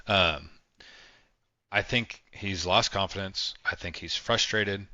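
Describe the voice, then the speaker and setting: A man's voice: low-pitched, slow, bright, forceful tone, no echo, highs cut off. A man co-hosting a casual sports podcast, giving blunt, emphatic opinions. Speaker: podcast co-host. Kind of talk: casual chat.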